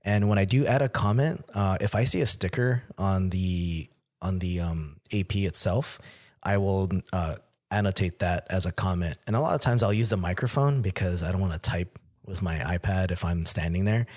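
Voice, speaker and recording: A man co-hosting a podcast in a relaxed, casual technical chat, sharing tips from his own experience. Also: deep voice, normal speed. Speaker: podcast co-host.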